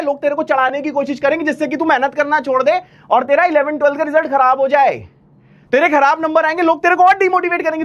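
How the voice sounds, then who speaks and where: A man's voice: very high-pitched, a bit bright, dull audio. A male maths teacher giving an online lecture, chatty and teasing, pushing his students with blunt encouragement. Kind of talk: online maths lecture, motivational pep talk.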